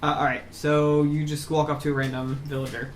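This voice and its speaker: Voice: mid-range voice, level tone, a little fast. A game master narrating a tabletop game in a rambling way full of "like" and "um". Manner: rambling, filler-heavy description. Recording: roomy echo with faint hum.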